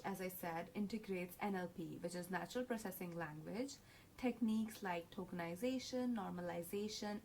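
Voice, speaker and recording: Woman, student presenter walking through slides, earnest and halting, faint hum behind. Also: medium pitch. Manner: earnest, with fillers and self-corrections.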